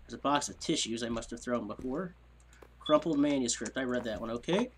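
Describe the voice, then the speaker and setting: A man's voice: medium pitch, fairly quick, a little hiss or hum. A man with a stuffy, sniffly nose, muttering to himself and rambling in puzzlement as he hosts casual let's-play commentary at a desk microphone. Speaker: gameplay video host.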